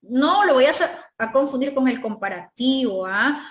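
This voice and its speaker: Peruvian lady teacher, high voice, keeps asking "ya?" type check-ins, roomy echo. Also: lively intonation, a little slow. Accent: Peruvian Spanish. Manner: explanatory, checks in with frequent tag questions; stretches out and stresses example words. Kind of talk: exam review lesson. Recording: echoey room.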